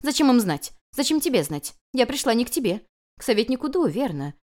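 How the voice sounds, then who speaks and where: Brief: a woman doing a high, tearful young noblewoman, indignant and swinging wildly in pitch. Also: big pitch swings, a little fast, a little mellow. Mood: defiant. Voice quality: high, shrill and pleading.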